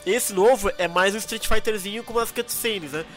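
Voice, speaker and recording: A man's voice: high-pitched, normal speed, a bit bright, faint music behind. A young man with a Brazilian Portuguese accent, chatting casually in a slangy, enthusiastic way as a podcast co-host. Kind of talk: casual chat.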